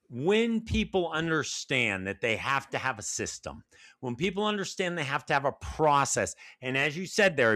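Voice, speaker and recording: Bright, eager male interview host. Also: medium pitch. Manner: eager, acts out quoted dialogue. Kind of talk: enthusiastic interview with storytelling.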